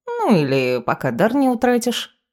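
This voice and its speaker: For an audiobook, a reader voices a self-important male talking cat familiar who grumbles at and lectures his mistress in a bossy tone. The voice is mid-range with huge pitch swings at normal speed, pitched above the performer's own.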